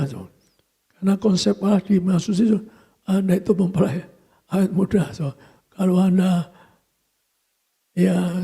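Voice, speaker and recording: Gravelly high-voiced older man preaching. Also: mellow. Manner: repetitive preaching, tags phrases with "so". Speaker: pastor. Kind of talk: sermon.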